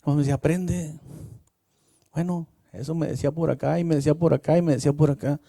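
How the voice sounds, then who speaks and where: A minister preaches in a fairly high voice, dry and close to the mic. He keeps the tone conversational and often checks in with the congregation. He builds to loud, repeated phrases. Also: fairly even intonation, racing, creaky, no room sound. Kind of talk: sermon.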